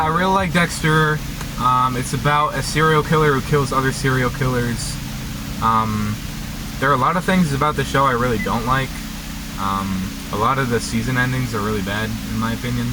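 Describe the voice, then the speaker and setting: A young man chatting casually and unscripted to camera, halting and often interrupting himself as he rambles. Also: mid-range voice. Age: young adult. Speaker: vlogger. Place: inside a parked car. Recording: background noise, vehicle ambience.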